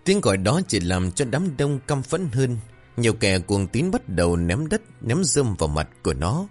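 A man narrating a horror story in a dramatic, expressive way. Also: mid-range voice, moderate pace, soft background music.

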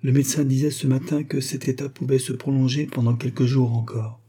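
A man's voice: medium pitch, flat delivery, fairly quick, warm tone, husky, voice pushed up, natural voice. A man voicing a kindly, earnest young Orthodox priest.

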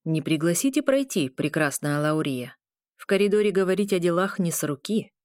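A woman's voice: lowish voice, expressive, moderate pace, darkish tone, no room sound, studio quality, lightly acted. A woman voicing a boastful, sly male legate guard in an audiobook. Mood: smug.

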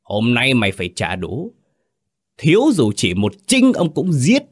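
A man voicing a cruel, greedy old village chief who sneers and shouts threats. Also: medium pitch, very animated, moderate pace. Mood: threatening.

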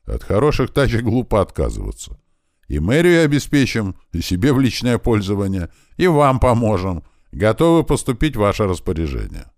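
A man's voice: fairly low pitch, wildly swooping pitch, moderate pace, darkish tone, no room sound, clean studio sound, pitched above the performer's own voice. A man voicing an eager young male security chief who talks in an upbeat, businesslike way.

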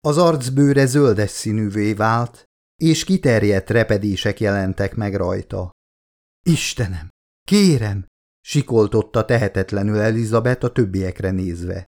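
A man reading his own novel aloud in a steady, dramatic audiobook narration. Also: fairly low pitch.

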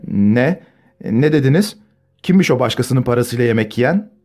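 A man voicing a fawning, mocking young man with a low, ingratiating voice in an audiobook. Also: lively intonation, moderate pace, a little mellow, soft background music, natural voice.

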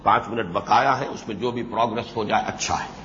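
A man giving an emphatic Quran lesson as a lecture, chanting Arabic verses slowly between explanations, recorded on an old lecture tape in a large hall. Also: lowish voice, steady tone, fairly bright tone, slight background noise. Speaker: Quran teacher. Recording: dull lo-fi 1990s lecture tape with long hall echo.

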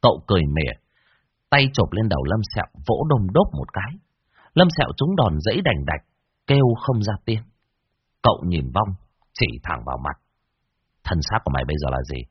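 A man telling a horror story with vivid, expressive narration. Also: lowish voice, moderate pace, pauses often, breathy edge, no echo, lo-fi sound.

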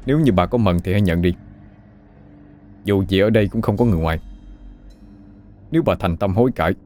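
A man voicing a calm male exorcist who speaks firmly. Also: low voice, fairly quick, soft background music, close to an everyday voice.

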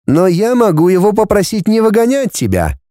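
A man's voice: high-pitched, huge pitch swings, normal speed, darkish tone, dry recording, clean studio sound, voice pushed up. A man voicing a good-natured young man turned cruel blackmailer, purring one moment and cold the next. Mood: coldly wheedling. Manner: cheerfully menacing, purring then cold. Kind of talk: audiobook character voice.

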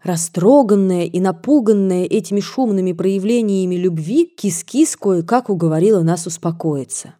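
Mellow-voiced woman reading a novel. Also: lowish voice, moderate pace, hardly any pauses. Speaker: audiobook narrator. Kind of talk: reading a classic novel aloud.

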